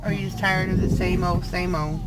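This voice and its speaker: A middle-aged man with an Appalachian accent and a creaky voice, chatting casually in a folksy, teasing way from a moving car. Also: sits high, level tone, fairly quick. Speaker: vlogger. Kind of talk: casual chat while showing the area. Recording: loud wind and vehicle noise.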